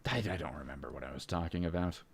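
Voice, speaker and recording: A man casually commenting on his gameplay in a rambling way, full of fillers and self-interruptions, jumping up in pitch when excited. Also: quick pace, gravelly, a little hiss or hum. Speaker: let's play gamer.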